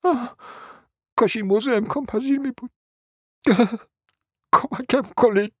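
A man's voice: very high voice, a bit bright, dry recording, studio quality. A young man acting a lovesick, desperate suitor in a radio play, stammering and pleading.

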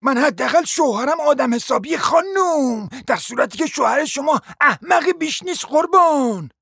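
A reader doing a shrill, indignant gossiping lady. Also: dry recording, clean studio sound. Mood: screeching. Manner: high, shrill, shouting accusations.

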